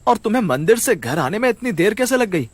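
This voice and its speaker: A man's voice: high voice, sing-song, brisk, breathy edge, no echo, pitched above the performer's own voice, full character voice. A man voicing a worried but firm young husband in a cartoon story. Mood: earnest.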